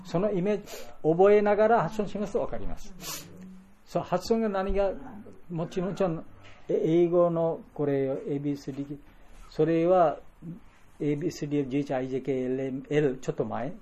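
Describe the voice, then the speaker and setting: A man's voice: a little high, fast talker, dark tone. A man teaching pronunciation to a group in a live lesson, repeating words and restarting often as he sounds out letters.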